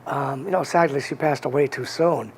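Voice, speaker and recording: Speaking at normal speed in a mid-range voice, a Connecticut man with a slight Boston accent recounts his life as a guest in a casual interview. He's earnest and rambling, restarting often, with slight background noise.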